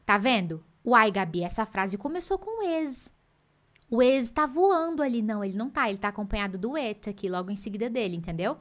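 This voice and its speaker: A woman's voice: on the high side, animated, fairly quick. A woman with a Brazilian Portuguese accent teaching English in a live online class, playful and teacherly, dropping in English example sentences.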